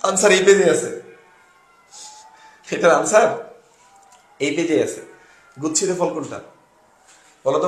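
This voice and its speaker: A man's voice: fairly high pitch, roomy sound. A young man from Bangladesh tutoring a live online class, quizzing students and making joking mnemonics. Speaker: admission test tutor.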